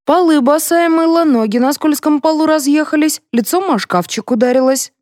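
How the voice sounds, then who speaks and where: A woman's voice: high-pitched, darkish tone, no echo, studio quality, pitched above the performer's own voice, lightly acted. A woman reading a vengeful, screaming middle-aged woman who demands money, in an audiobook. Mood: defensive. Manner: screaming, demanding, raised and drawn-out. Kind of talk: audiobook character voice.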